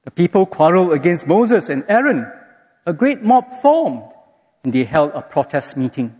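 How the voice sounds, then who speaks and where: A man preaching a sermon, reading scripture aloud and telling the story in an animated way, recorded in a dull, echoey hall. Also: fairly high pitch, normal speed, breathy edge. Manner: animated storytelling, acts out quotes.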